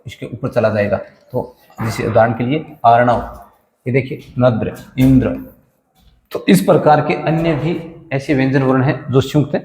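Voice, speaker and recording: A man teaching a class lesson, patiently explaining how letters join, asking questions and answering them himself and repeating sounds slowly. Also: medium pitch, fairly even intonation, darkish tone. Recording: echoey room with long reverb.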